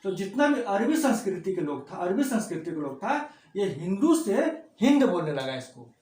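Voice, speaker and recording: A man's voice: high voice, big pitch swings, normal speed, darkish tone. A man teaching a class, repeating key words and asking rhetorical questions. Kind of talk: classroom lecture. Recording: echoey room.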